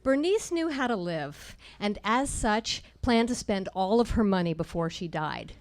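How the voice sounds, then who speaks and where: Onstage at an intimate storytelling event, a woman recounts something from her own life. She sounds animated, with an ordinary middle pitch, and her wry, measured delivery lets each dry joke land with precise timing.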